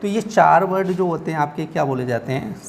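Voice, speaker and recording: A man's voice: a little high, lively intonation, fairly quick, vocal fry, slight background noise. A man teaching an exam-prep grammar lesson, explaining patiently, repeating each point and checking in with his students.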